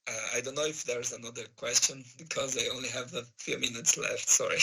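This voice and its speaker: A man with a hoarse, sore-throated voice giving an informal panel answer, searching for his words as a guest speaker. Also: medium pitch, fairly even intonation, a little fast, pushed and bright, low-quality recording.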